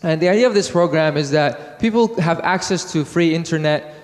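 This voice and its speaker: A man from Iraq giving a technical conference talk, halting with fillers and restarts. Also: fairly high pitch. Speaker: conference speaker. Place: conference hall. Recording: hall with long reverb.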